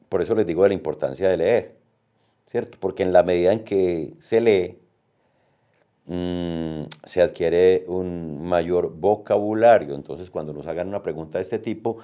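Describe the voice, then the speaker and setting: A man's voice: low voice, mellow, lo-fi sound. A man explaining reading exam questions as a teacher, checking in with "¿cierto?" often.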